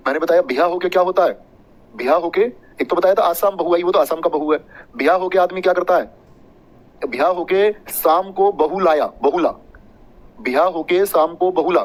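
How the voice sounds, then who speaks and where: A man's voice: fairly high pitch, poor audio. A man teaching an exam-prep class, joking and chatty, drilling points with repetition and mnemonic stories.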